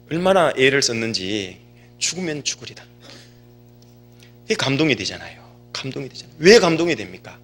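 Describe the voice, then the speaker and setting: Lively, bright-voiced preaching man. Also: medium pitch. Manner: rhetorical questions to the congregation, storytelling. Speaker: pastor. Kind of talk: sermon.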